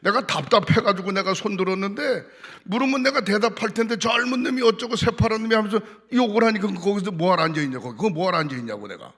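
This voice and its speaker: A man's voice: high-pitched, quick pace. An older man, a pastor, preaching a sermon in a church, telling stories in a blunt, folksy, colloquial way. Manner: colloquial and lively. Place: church sanctuary.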